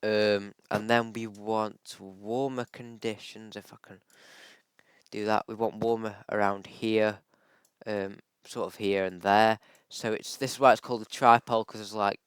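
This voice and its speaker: A man with a bad cold, his voice a little off, talks through screen-shared charts for a casual forecast vlog. His lowish, smooth voice has little pitch movement and a measured pace, while his manner is chatty, full of ums and likes as he thinks aloud. The recording is dry.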